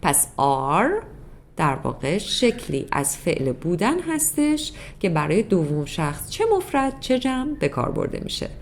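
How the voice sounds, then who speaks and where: A woman's voice: fairly low pitch, big pitch swings, few pauses, slight background noise. A woman teaching a beginner English grammar lesson in Persian, patiently explaining step by step and repeating examples. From Iran.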